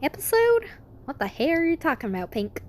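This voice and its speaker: A woman voicing a plain-spoken, steady female farm pony in a story, folksy and firm. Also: fairly high pitch, moderate pace, a little hiss or hum, pitched above the performer's own voice, close to an everyday voice.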